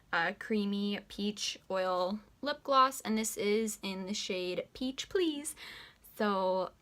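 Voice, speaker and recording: A woman's voice: medium pitch, fairly bright tone. Teen woman, out of breath, rambling makeup-tutorial chatter full of fillers, recorded at home. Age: late teens. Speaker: beauty vlogger. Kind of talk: casual makeup tutorial chat.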